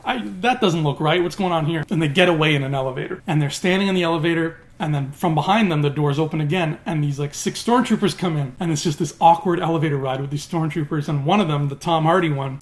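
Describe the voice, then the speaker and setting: Excitable man giving a casual film review. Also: a little high. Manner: enthusiastic, acts out quotes in little voices.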